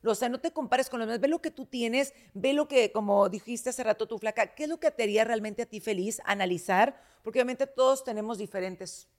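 A woman's voice: fairly high pitch, brisk, hardly any pauses. A woman with a Mexican accent chatting casually, sharing a personal anecdote with sincerity. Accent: Mexican Spanish. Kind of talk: casual chat.

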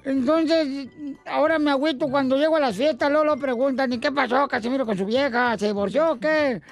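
A man's voice: very high voice, a little fast, vocal fry. A man voicing a weepy, self-pitying divorced man with a Mexican accent, telling jokes on a radio comedy show. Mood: whiny. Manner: whiny, tearful comic storytelling.

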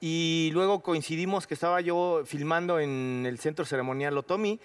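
A man with a Mexican accent, an actor guest telling a lively anecdote full of slang and quick asides. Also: on the high side, smooth.

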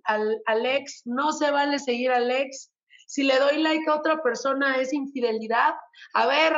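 A Mexican woman hosts a casual talk segment, chatting in a playful, gossipy way. She acts out little quotes as she tells her stories. Her voice sits fairly high, and the recording sounds a bit dull and lo-fi. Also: a bit bright. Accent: Mexican Spanish. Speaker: show host.

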